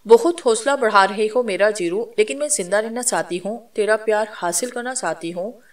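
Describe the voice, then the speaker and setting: A woman reading the lines of a bold young woman with spiritual powers in an audio story, earnest and defiant, in a mid-pitched voice. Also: normal speed, distant mic, close to an everyday voice.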